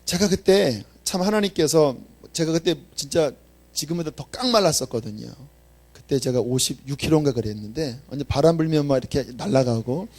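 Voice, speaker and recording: A man preaching a sermon as a pastor, telling stories with animated emphasis and swelling on his main points. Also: a little fast. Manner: animated storytelling, dropping low and quiet to act out quoted speech; emphatic, rising in pitch and volume on key points.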